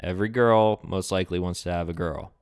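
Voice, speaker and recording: Man, low voice, podcast co-host, crude joking casual chat. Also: brisk, darkish tone, clean tone. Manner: crude, joking, acts out bits.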